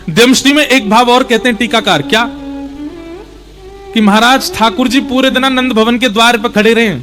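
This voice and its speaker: Man, Braj accent, high voice, animated folksy devotional storytelling. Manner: animated, folksy, explaining to listeners. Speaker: katha storyteller.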